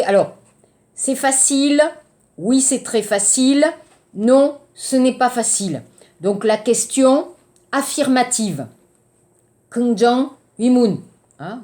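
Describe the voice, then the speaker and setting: A woman teacher explains grammar at an unhurried, deliberate pace. Her voice sits a little high, and she pauses often to check that her students follow. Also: a little mellow. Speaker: French teacher. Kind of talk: classroom grammar lesson.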